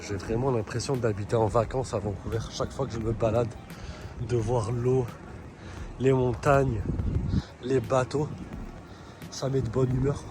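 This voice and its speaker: A man from France chatting casually in a travel vlog while walking around a city, often pausing on "euh" and restarting his sentences. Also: mid-range voice. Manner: chatty, relaxed, frequent fillers and restarts. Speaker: vlogger. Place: outdoors in a city. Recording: loud street noise behind.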